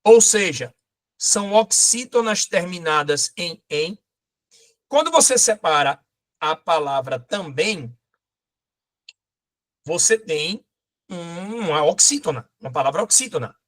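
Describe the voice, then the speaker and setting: A man teaching a lively exam-prep grammar lesson, pointing things out as he goes. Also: on the high side, a little slow, long pauses.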